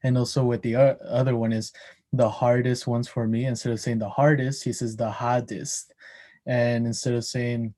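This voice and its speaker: A man's voice: mid-range voice, little pitch movement, normal speed, dark tone. Hesitant young man giving a class talk. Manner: hesitant, many ums and restarts. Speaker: student presenter. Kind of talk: class oral presentation.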